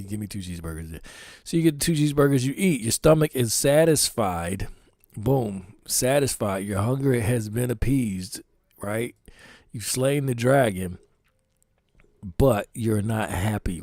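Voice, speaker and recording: A man's voice: medium pitch, creaky, darkish tone, dry recording, studio quality. A man with a Philadelphia accent talking casually about his clothing designs, full of street slang and constant "you know what I'm saying.". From Philadelphia, United States. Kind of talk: casual talk to camera.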